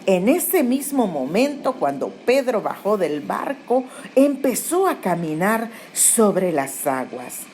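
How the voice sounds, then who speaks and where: A woman teaching a Bible lesson to children, telling the story with animated questions to the kids. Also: mid-range voice, a little hiss or hum.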